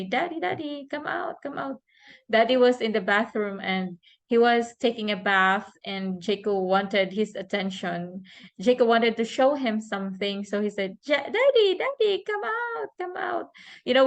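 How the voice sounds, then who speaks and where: Woman presenting a case study. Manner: reads bullet points, then imitates a toddler's words in a high sing-song voice. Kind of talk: class presentation.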